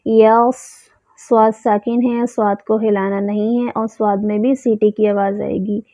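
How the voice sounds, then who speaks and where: A woman teaching Quran recitation rules, who recites words slowly and drawn out and then explains them plainly. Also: mid-range voice, little pitch movement, dark tone, dry recording. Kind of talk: tajweed lesson. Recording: tinny phone-like sound, dry.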